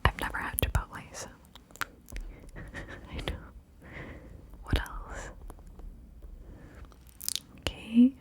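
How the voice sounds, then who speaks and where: A woman's voice: slow, pauses often. A woman whispering ASMR into a stereo mic, playful and chatty, with casual swearing. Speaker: ASMR creator. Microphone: stereo mic, left and right ears.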